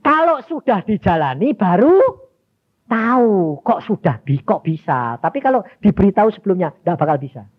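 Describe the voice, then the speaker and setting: A man preaches in a storytelling way, acting out each side of a conversation. His voice sits high and swings widely. The sound is tinny and dry, like a phone line. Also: sing-song, normal speed, husky, no echo. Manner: storytelling, mixing in Javanese words, acting out dialogue. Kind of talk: sermon.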